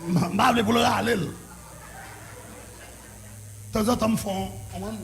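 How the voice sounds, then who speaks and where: Male pastor, Haitian French accent, very high gravelly voice, excited sermon storytelling with shouted bursts. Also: slow, a little hiss or hum. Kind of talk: preaching sermon testimony.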